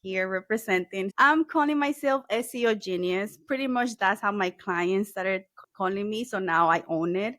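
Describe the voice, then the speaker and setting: In this relaxed interview, the guest is an SEO consultant from El Salvador whose first language is Spanish. Her mid-range voice comes through in a dry, close recording, warm and friendly, with Spanish words mixed in.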